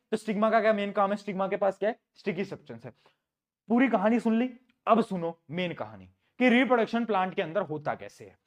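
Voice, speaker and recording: A male teacher giving a lively exam-prep lesson, playfully asking his students questions and answering them himself. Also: high voice. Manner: calls students "beta", mixes English terms into Hindi.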